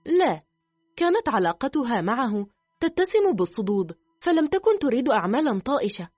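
A male narrator voicing a chatty young maid who gossips with a giggle, in a high voice. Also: very animated, brisk, a little mellow, dry recording, studio quality, soft background music, exaggerated voice. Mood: gossipy.

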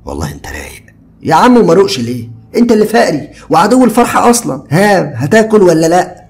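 A man's voice: sits high, sing-song, quick pace, vocal fry, a little mellow, a little hiss or hum, pitched above the performer's own voice, full character voice. A man voicing a carefree young male friend who jokes and brushes off worry, in an Egyptian Arabic accent. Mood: teasing. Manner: easygoing, joking, brushes off worry.

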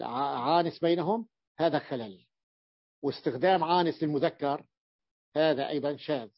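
Guy teaching grammar, kinda high voice, stops and repeats words a lot, dull dry recording. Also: no room sound. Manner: halting, repeats words while explaining. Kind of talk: classroom grammar lesson.

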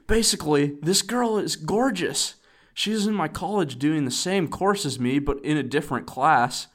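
Man putting on a high, drawling college bro, laid-back. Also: lively intonation, moderate pace. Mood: playful. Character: young male bro reading a letter.

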